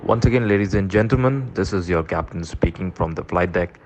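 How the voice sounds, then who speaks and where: A man playing a calm airline captain. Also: low voice, heavy background noise, close to an everyday voice. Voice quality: measured, formal cabin announcement manner. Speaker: pilot in a reenactment. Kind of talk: radio drama reenactment.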